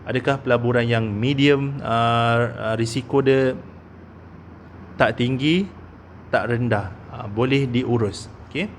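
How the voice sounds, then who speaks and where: A man's voice: medium pitch, slow, a little hiss or hum. A man in his thirties with a Malaysian Malay accent, giving a casual investment talk as a consultant, with many "ah" fillers and "okey?" tags. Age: 30s.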